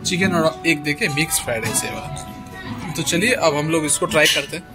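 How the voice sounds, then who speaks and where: In a casual food vlog, a man from Kolkata, India reviews dishes in a restaurant dining room while loud music plays. His voice sits on the high side at a normal speed. He chats to viewers as if they were friends and often repeats phrases as he tries the food.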